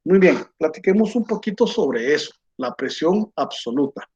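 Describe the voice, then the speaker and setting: A man teaching an online lecture, slow and patient, checking in with his students after nearly every phrase. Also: a little high, animated, a little mellow. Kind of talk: online lecture while drawing on a board. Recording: dull lo-fi sound.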